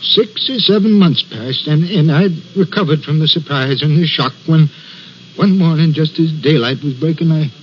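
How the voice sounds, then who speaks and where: A man voicing a jittery railway signalman in a vintage radio thriller, his pitch running high for a man. He stumbles over his words as he recounts the story. The recording is dull and muffled, with a faint hiss. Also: natural voice. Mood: haunted. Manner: halting, stammering storyteller. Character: haunted, nervous railway signalman. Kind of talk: 1940s radio acting.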